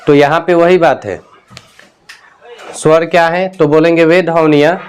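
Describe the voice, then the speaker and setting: A man's voice: on the high side, steady tone, a little slow, clean tone. Patient male tutor, lilt. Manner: repeats key definitions, checks in with "theek hai"; informal, patient explaining. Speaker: Hindi grammar teacher. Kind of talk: classroom lesson at a board. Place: coaching classroom.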